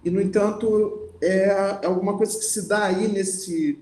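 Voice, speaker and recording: A man's voice: high-pitched, steady tone, measured pace, dark tone, roomy sound. A man lecturing on philosophy, reading passages aloud and then explaining them, often checking in with the listeners. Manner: reads passages aloud, then comments with frequent "né?" and restarts.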